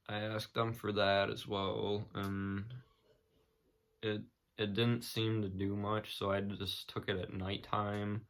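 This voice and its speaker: Young man, casual vlog talk, slow pace, monotone, hesitant, matter-of-fact. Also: lowish voice. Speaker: vlogger sharing personal recovery experience.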